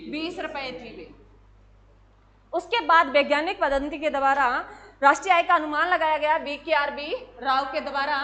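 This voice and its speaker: A woman's voice: sits high, fairly bright tone. A woman teacher giving an exam-prep lecture, asking questions and answering them herself, often calling her students "my children".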